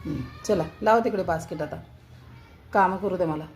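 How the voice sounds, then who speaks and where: A woman's voice: on the low side, normal speed, darkish tone, a little hiss or hum. Woman, home vlogger, scolding and coaxing her cats in the kitchen. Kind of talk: casual scolding talk to pet cats. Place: home kitchen, chopping vegetables at a table.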